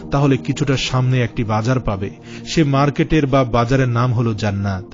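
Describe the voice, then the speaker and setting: A man's voice: medium pitch, darkish tone, dull audio. A man telling a religious story in an earnest, devotional narration. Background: music.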